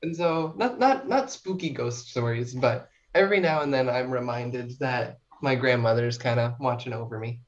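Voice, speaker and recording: Her voice is extremely low in pitch, running at normal speed with few pauses, and the audio is dull. She's a young short story writer making casual, informal, self-reflective chat as a podcast guest.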